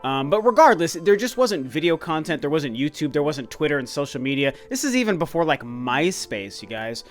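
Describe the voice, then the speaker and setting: With soft music playing underneath, this video game channel host, a man in his late thirties, talks a little high and fairly fast, his pitch swinging widely. His casual vlog chatter is eager and rambling, full of fillers and restarts.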